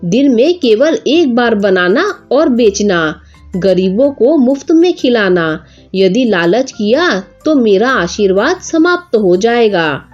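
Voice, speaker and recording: A woman's voice: a little high, sing-song, slow pace, dull audio, faint music behind, heavily acted. A woman voicing a magical talking pot. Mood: solemn. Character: magical talking cooking pot, grand and benevolent.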